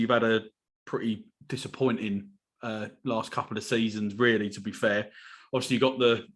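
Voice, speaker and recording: A man runs a casual podcast chat at an ordinary pitch. He jokes with his guests and laughs a lot, filling pauses with relaxed ums as he moves between questions. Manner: laughs often, friendly banter with fillers. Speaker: podcast host.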